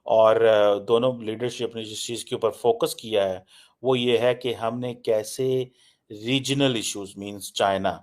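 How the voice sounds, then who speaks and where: Speaking in a lowish, darkish voice with fairly even intonation and a measured pace, this Pakistani-accented man gives casual political commentary. He drives his points home by repeating phrases and mixes English into his talk.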